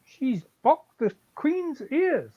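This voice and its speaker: A woman's voice: sits high, very animated, very slow, heavily acted. A woman voicing a timid, jittery rabbit courtier in a storybook read, nervous and fussy, on muffled audio. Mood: nervous, secretive.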